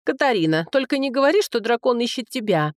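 A woman's voice: on the high side, very animated, fairly quick, no echo, studio quality, pitched above the performer's own voice. Woman doing a brash, scoffing young man. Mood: brusque. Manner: brusque, scoffing. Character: brash, mocking young man, hot-tempered.

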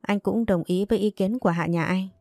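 A woman voicing a calm young husband. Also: medium pitch, brisk, gravelly, no echo, clean studio sound, soft background music, natural voice.

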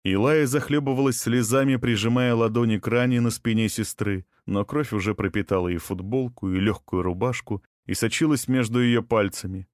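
A man reading a dramatic audiobook with a tense, expressive delivery. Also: medium pitch, moderate pace, few pauses, dry recording, clean studio sound. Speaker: audiobook narrator.

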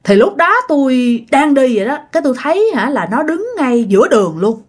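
A shrill, yelling old drunk villager in a spoken ghost story, as a woman narrator puts him on. He curses and hollers, his voice climbing high. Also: very animated, a little fast, slightly rough, full character voice. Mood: shaken. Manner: panicked shouting and drunken cursing. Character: terrified drunk old village man, loud.

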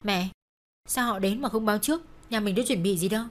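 A woman's voice: medium pitch, brisk, close to an everyday voice. A woman voicing a meek, timid young daughter who speaks politely in a storybook reading.

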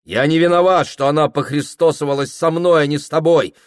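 A man's voice: medium pitch, lively intonation, measured pace, pitched above the performer's own voice. A man voicing an anxious, lovesick young merchant's son who talks in a tense, pleading way.

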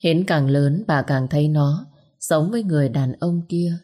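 A woman narrating a scripted story in a steady, measured reading. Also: low voice. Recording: faint music behind. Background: faint background music.

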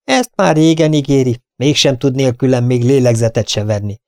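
A man's voice: mid-range voice, darkish tone, no echo, studio quality, natural voice. A man voicing an impudent, mocking little red-haired male valet in an audiobook. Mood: cheeky.

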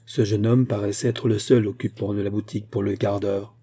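A man reading a novel aloud as a narrator, in a steady, measured way. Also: lowish voice, slightly rough. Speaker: audiobook narrator. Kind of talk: scripted literary narration.

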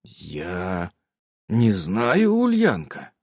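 A man voicing a dazed husband who has just woken, slow, soft and subdued. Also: lowish voice, huge pitch swings, no room sound, studio quality, voice pushed down, heavily acted.

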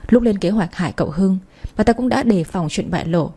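Husky-voiced woman narrating a story. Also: mid-range voice, a little fast, mellow.

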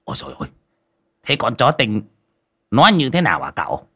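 A man's voice: mid-range voice, wildly swooping pitch, fairly quick, pushed and bright, slightly rough, heavily acted. A man voicing a cowardly, mocking old male medium who fawns and wheedles. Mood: wheedling. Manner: fawning, wheedling, comic.

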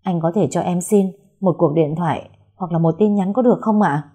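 A woman voicing a desperate young woman held captive by her family, speaking in a hushed, pleading way. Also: fairly low pitch, moderate pace, slightly rough.

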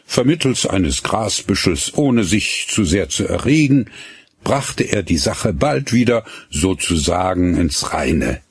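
A man narrating a radio story slowly and expressively, voicing the dialogue as he goes. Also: low voice, animated, husky, no room sound.

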